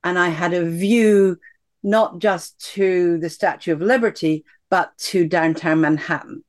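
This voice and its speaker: A woman's voice: lowish voice, steady tone, measured pace. A woman with a Scottish accent, an executive coach and guest, telling her story in an upbeat, enthusiastic way. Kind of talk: conversational interview.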